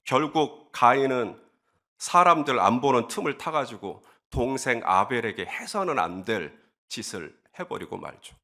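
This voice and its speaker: A man preaching a sermon as pastor, animated, acting out grumbling voices and then dropping to a soft, confiding tone. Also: medium pitch, a little slow.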